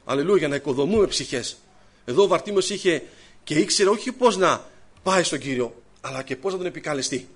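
A man preaching a sermon to his congregation, mixing personal stories with scripture, his voice swinging between loud, raised bursts and low, hushed asides. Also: expressive, slightly rough.

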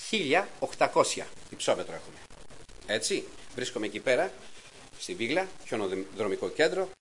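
A middle-aged man giving a testimony sermon to a congregation, telling a story with lively, acted-out dialogue and sudden raised exclamations. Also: mid-range voice, a little hiss or hum, poor audio. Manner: animated storytelling, acts out quotes in a raised voice.

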